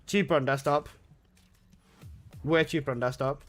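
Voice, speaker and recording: A man's voice: on the high side, steady tone, moderate pace, fairly bright tone, soft background music. Slangy young man streaming games. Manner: laid-back slangy banter, reading and answering chat. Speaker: gaming livestreamer. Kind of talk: casual live-stream chat. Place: his own room at home.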